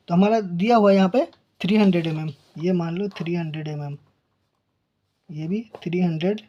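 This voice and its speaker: Mellow, repetitive tutor voice, lo-fi. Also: medium pitch. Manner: repeats figures and phrases while working through calculations. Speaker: civil engineering tutor. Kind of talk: step-by-step tutorial explanation.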